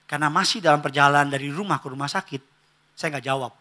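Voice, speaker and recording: A male pastor preaching in a church with a high, ringing voice that has a sharp, piercing brightness. He is animated and comic, jumping from shouted punchlines to hushed asides and slipping into little character voices for family scenes. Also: fast talker. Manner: animated and humorous, swinging from loud exclamations to hushed asides. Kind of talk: sermon.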